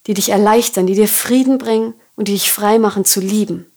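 A woman hosting a podcast, telling a personal faith story and reflecting on it in an earnest, softly confiding way. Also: medium pitch, fairly even intonation, fairly quick. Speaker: podcast host.

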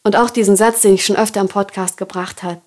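A woman hosting a podcast, telling a personal faith story and reflecting on it in an earnest, softly confiding way. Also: mid-range voice, steady tone, fast talker. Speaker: podcast host.

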